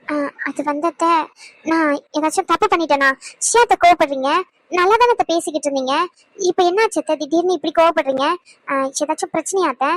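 A timid young daughter-in-law. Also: female voice, very high-pitched, fast, dry recording, low-quality recording. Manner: soft, hesitant, apologetic. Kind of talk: cartoon voice acting.

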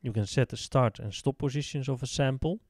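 A man narrating a software tutorial, calm and explanatory, with the odd filler. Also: medium pitch, fairly quick, in a large hall. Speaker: app tutorial presenter.

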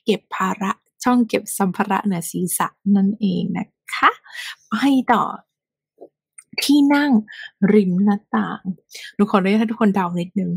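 Brief: woman, English teacher, drills phrases in soft whispers, breathy tone, dry close sound. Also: mid-range voice, lively intonation, moderate pace, no echo. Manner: drills phrases by repeating them, often softly whispered; playful, direct teasing of students. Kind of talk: English pronunciation lesson.

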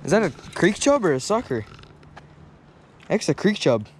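A young man chatting excitedly while fishing on a rocky riverbank, talking to each fish as he unhooks it, recorded on a head-mounted camera outdoors. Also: high voice, moderate pace, a little hiss or hum. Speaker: fishing vlogger. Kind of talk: casual fishing vlog commentary. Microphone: head-mounted action camera.

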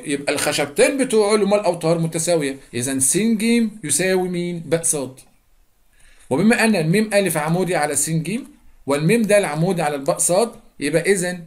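Young Egyptian male teacher, rapid and higher-pitched, casual lesson talk that quizzes the class. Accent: Egyptian Arabic. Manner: quick, chatty, repeats steps and quizzes students. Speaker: math teacher. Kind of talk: geometry lesson explanation.

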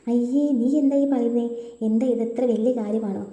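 A woman's voice: on the high side, fairly even intonation, normal speed, warm tone, faint music behind, close to an everyday voice. A woman voicing a blunt young pregnant wife who works as a nurse, talking in a dismissive way, recorded in a roomy space with long reverb.

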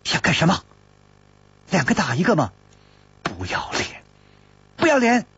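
A male storyteller voicing a proud, hot-tempered young swordswoman who shouts indignantly. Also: wildly swooping pitch, fast talker, breathy edge, exaggerated voice. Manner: shrill and indignant. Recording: dull lo-fi audiobook recording.

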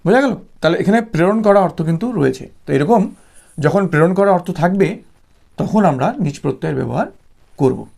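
Gravelly Bengali-speaking man teaching patiently. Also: fairly high pitch, expressive, darkish tone. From West Bengal, India. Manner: patient, repetitive explaining with frequent "ah" fillers; slows to spell out Sanskrit examples syllable by syllable. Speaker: Sanskrit teacher. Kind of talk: exam-prep grammar lesson.

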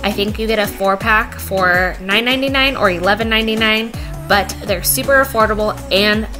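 Speaking at medium pitch and a moderate pace, a young woman vlogger talks through her home cleaning video. The voice-over is lively and chatty, with some self-deprecating humor, and loud music runs behind it.

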